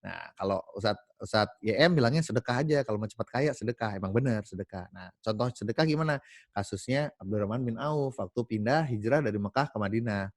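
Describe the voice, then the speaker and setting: Animated man telling stories to colleagues. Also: fairly low pitch, fast, no echo, clean studio sound. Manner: animated, many fillers and self-corrections. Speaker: team meeting speaker. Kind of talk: casual storytelling talk to colleagues.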